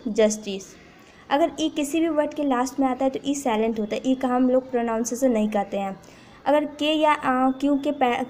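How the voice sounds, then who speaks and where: भारतीय लहजे वाली एक महिला शिक्षिका, जो धैर्य से नियम दोहराते हुए पाठ समझाती है और अंग्रेज़ी वाक्य धीरे-धीरे पढ़ती है।. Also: female voice, a little high, darkish tone. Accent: Indian. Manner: repeats rules patiently, reads English lines slowly. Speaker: English teacher. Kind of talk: slow explanatory lesson.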